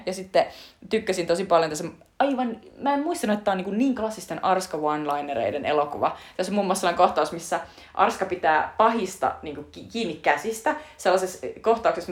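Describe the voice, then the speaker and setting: A woman in casual chat, eagerly retelling film scenes with many fillers. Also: lowish voice. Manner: chatty retelling full of fillers, breaks into laughter. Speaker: podcast co-host discussing a film.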